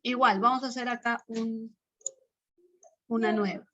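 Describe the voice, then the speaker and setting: Bright, high-voiced teacher woman. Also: fairly even intonation, a little slow, lo-fi sound, soft background music. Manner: explains step by step and keeps checking with short questions; repeats key terms patiently. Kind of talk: online class lesson.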